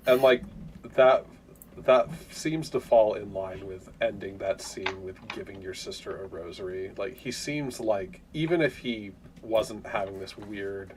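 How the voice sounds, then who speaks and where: A man's voice: fairly low pitch, unhurried, darkish tone, a little hiss or hum. A man running a tabletop game, chatting out of character in a musing, hedging way and laughing often. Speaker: game master.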